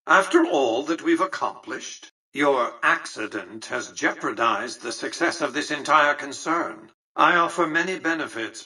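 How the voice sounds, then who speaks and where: An imperious, elderly male industrialist from a video game delivers scripted dialogue with measured, calculating formality and condescending authority, sounding brisk and commanding. His husky, medium-pitched, exaggerated voice is forceful and crisp-edged. It comes through a radio-like filter, far from the mic, on a low-quality recording.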